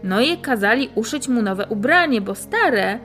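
Calm woman reading a fairy tale. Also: fairly high pitch, soft background music. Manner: calm, measured, gently instructive. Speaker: storyteller and spiritual teacher. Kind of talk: fairy-tale reading, then reflective commentary.

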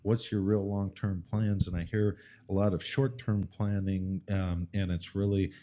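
Really deep mellow guy, kinda flat, lots of uhs. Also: unhurried. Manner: hesitant, many "uh" and "um". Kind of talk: casual podcast conversation.

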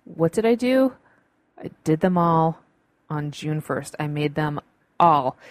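A woman's voice: low-pitched, lively intonation, slow, no room sound. A woman hosting a solo podcast, giving casual advice in an upbeat, chatty, emphatic way. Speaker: podcast host. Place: home room with windows open.

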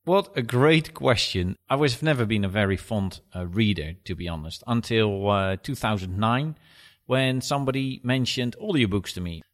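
A man's voice: on the low side, lively intonation, moderate pace. Dutch-accented man, direct and instructive. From Netherlands. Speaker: podcast guest. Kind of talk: conversational interview.

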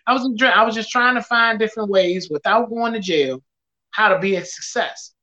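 A man's voice: sits high, moderate pace, pushed and bright, lo-fi sound. A man hosting a live talk show, chatting casually and energetically with his guest. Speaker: show host.

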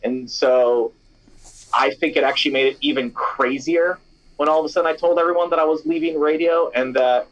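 The speaker is a young man, once a radio DJ and now running a snack company, fielding interview questions in an easygoing, lively manner full of "you know" and "like." His voice is a touch high and brisk, captured in lo-fi sound.

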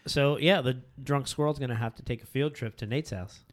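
A man co-hosts a relaxed podcast chat, asking questions and joking around. He talks at an ordinary pitch and laughs readily. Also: a little fast. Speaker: podcast co-host. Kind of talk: casual conversation.

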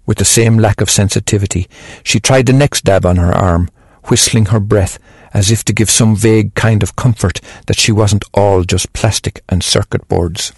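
Low, gravelly male host reading stories, husky, close dry mic. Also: steady tone, normal speed, few pauses, a little mellow, dry recording. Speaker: host and storyteller. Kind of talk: reading short stories aloud.

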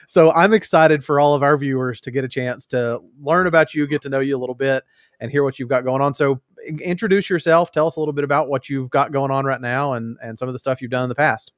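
Male host, mid pitch, dry close sound, enthusiastic. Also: fast talker, no room sound. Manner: enthusiastic, rambling. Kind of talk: casual interview talk.

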